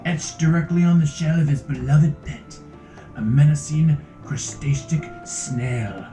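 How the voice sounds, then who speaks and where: A silver-tongued drifter with an accent that won't settle, sliding from cowboy drawl into Scottish and Irish lilts, as a man puts him on while running a tabletop game. He flatters and sells hard, pitched a little above a plain speaking voice. The room around him is roomy and echoey. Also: unhurried, soft background music. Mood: conspiratorial. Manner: persuasive, flattering sales pitch. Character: smooth-talking male treasure-hunting drifter.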